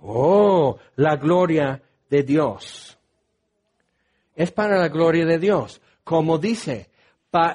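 A male pastor teaching a Bible study sermon in an animated, joking way, with dramatic swings in pitch.

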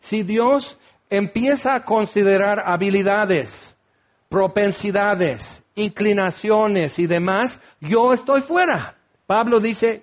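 Man, high voice, sermon, animated, plays out quoted voices. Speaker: preacher.

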